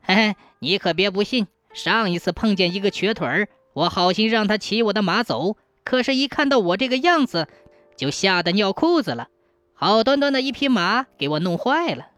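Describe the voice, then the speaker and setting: A woman's voice: expressive, moderate pace, lightly acted. A woman voicing a male ghost cart driver who complains in a pushy, raised voice. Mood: sly. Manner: loud, complaining, high-pitched.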